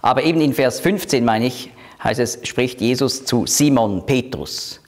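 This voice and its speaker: A man leading a Bible study, explaining scripture slowly and quoting verses aloud. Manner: slow, explanatory, quotes scripture in a lowered voice; switches between teaching and group discussion. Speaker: Bible teacher.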